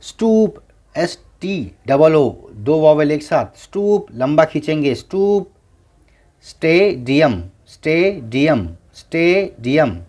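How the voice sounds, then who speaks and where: Guy teaching phonics super slow, kinda higher voice, spells every word out then says it again and again. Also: animated, a little mellow. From India. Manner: spells words letter by letter, repeats each word slowly. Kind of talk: slow classroom lesson.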